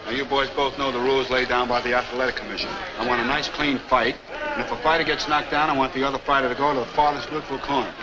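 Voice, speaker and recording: An actor playing a boxing referee in a 1950s film, reciting instructions in a brisk, official way. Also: male voice, mid-range voice, steady tone, lightly acted. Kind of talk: 1950s film drama acting. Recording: noisy film track, loud crowd.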